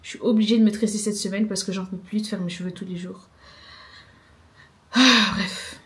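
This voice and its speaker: A woman's voice: medium pitch, fairly even intonation, moderate pace, fairly bright tone. A young woman, chatting to a small camera in a rambling, self-mocking vlog. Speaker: vlogger. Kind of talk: casual vlog chat to camera. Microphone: small handheld camera.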